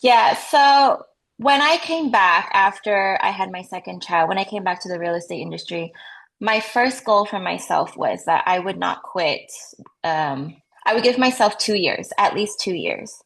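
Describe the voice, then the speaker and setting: A woman's voice: medium pitch, lively intonation, unhurried, gravelly, a bit bright. A woman in her thirties, raised in the US, chatting casually as a guest about her work as a real estate agent, with frequent "like" and light laughs. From United States. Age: 30s. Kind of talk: casual interview answers.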